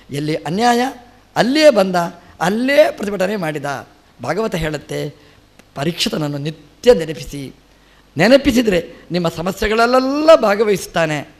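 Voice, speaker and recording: A middle-aged man, a religious teacher, giving a spiritual discourse and telling a scripture story with acted quotes and rising emphasis. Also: sits high.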